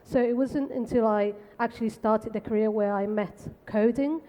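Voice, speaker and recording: A woman from the Canary Islands in Spain, speaking on a tech panel in a brisk, frank, self-deprecating way. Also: on the high side, fairly even intonation, mellow. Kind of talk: conversational panel talk. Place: conference stage. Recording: long hall reverb.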